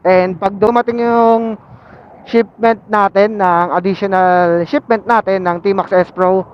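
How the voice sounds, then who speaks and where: A Filipino motovlogger rides a motorcycle through city traffic, chatting casually and dropping English phrases into his speech amid plenty of fillers. His voice is high, steady in tone and unhurried. It's picked up by a Bluetooth helmet intercom linked to an action camera, so it sounds muffled, with faint vehicle and road noise behind it.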